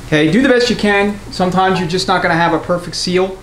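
A transmission mechanic and instructor gives a hands-on tutorial in an indoor garage workshop, talking in a matter-of-fact, conversational way. His voice sits high and he speaks fast. The garage is echoey, and background noise is clearly audible.

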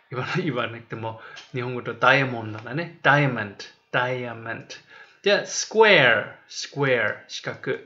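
A man teaching a review lesson to children in Japanese, saying words slowly and repeating them. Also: mid-range voice, bright, forceful tone. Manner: explains slowly in Japanese, then says and repeats English words. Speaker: English teacher. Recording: dull lo-fi recording.

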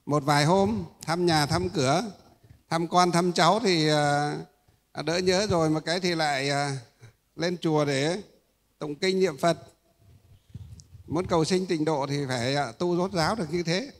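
A male Buddhist monk giving a sermon. He pauses often on drawn-out "uh" sounds and asks rhetorical questions that he then answers himself. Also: a little high. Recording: echoey hall.

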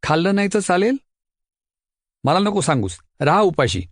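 Brief: man doing a stern storybook mother, sharp and scolding. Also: a little high, fast, no echo, clean studio sound, pitched above the performer's own voice, close to an everyday voice. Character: strict scolding mother of a schoolboy.

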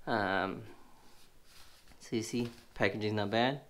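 There's a little hiss or hum as a man with a low, slow, stuffy, sniffly voice narrates a gadget unboxing indoors at a table. This tech reviewer rambles with plenty of fillers, thinking aloud while working with the box.

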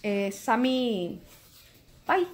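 A woman, chatting to camera in a home vlog and telling stories in an animated way. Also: on the high side, drawn-out words. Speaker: home vlogger. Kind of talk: casual chat to camera.

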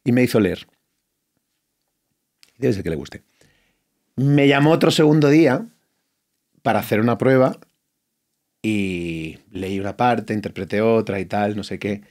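A man's voice: fairly low pitch, unhurried, pauses often, darkish tone. A middle-aged man from Spain, an actor and the guest, telling anecdotes in casual conversation, acting out quoted lines and often restarting his sentences. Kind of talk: casual interview chat.

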